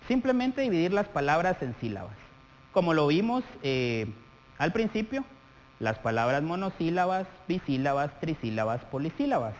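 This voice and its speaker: A man from Guatemala teaching a televised classroom lesson, speaking straight to the viewer and drawing out example words slowly. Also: fairly high pitch, very animated. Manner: addresses the viewer directly, stretches out example words while dictating. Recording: TV studio audio with long reverb and faint hum.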